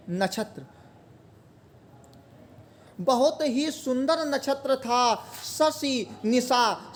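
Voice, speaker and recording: Man, Hindi teacher, unhurried delivery, explains poem word by word, quizzes then answers himself. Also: very high-pitched. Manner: repeats words and asks questions then answers them himself.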